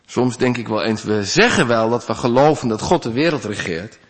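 A man's voice: mid-range voice, expressive, moderate pace. Earnest male preacher in a reverberant church. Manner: earnest, rising to loud pleas, dropping to quiet asides. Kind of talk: sermon.

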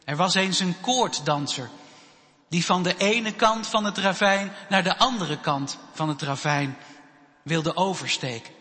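A man giving a children's sermon and telling a story slowly, with pauses. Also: high-pitched, sharp tone. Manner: slow, storytelling delivery with pauses. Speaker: preacher. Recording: long hall reverb.

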